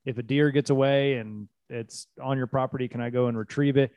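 A man with a medium-pitched voice talks informally in a very dry recording. He is agreeable and conversational as he explains things. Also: fairly even intonation, a little fast, darkish tone, no echo. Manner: agreeable, informal, interjects short affirmations. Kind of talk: casual explanatory chat.

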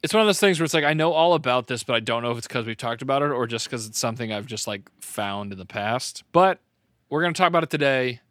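A man's voice: medium pitch, lively intonation, a bit bright, no echo. Dry-sounding joking podcast co-host man. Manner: laughs along, quick jokey replies, swears. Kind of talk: casual chat.

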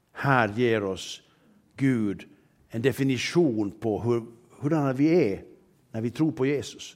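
Earnestly delivering a sermon, a man with a mid-range voice frequently asks rhetorical questions and gives emphatic readings of scripture.

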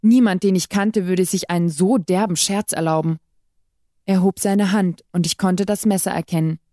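A woman reading a short story aloud in scripted narration, with a measured, even delivery. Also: fairly low pitch, no room sound, studio quality. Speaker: reader.

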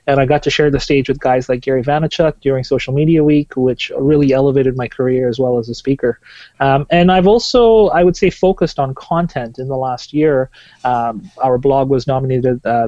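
A man's voice: mid-range voice, mellow, no echo, lo-fi sound. A man from Tanzania, a guest on a podcast interview, talking fluently and in a businesslike way with many fillers.

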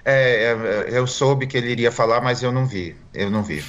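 Homem reflexivo, som abafado. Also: male voice, mid-range voice, normal speed, a bit bright, muffled recording. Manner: reflective, hesitant, many fillers. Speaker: podcast co-host. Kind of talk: casual conversation.

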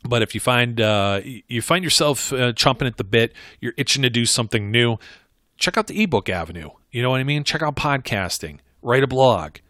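A man's voice: medium pitch, lively intonation, fairly quick, fairly bright tone, no room sound, studio quality. A man talking through marketing advice in a casual, rambling way, often restarting and correcting himself. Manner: rambling, conversational, frequent self-corrections.

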